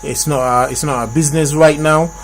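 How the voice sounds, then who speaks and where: A man's voice: fairly high pitch, fairly even intonation, brisk, creaky, soft background music. A man hosting a casual group discussion, often repeating and rephrasing his points for emphasis. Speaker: host.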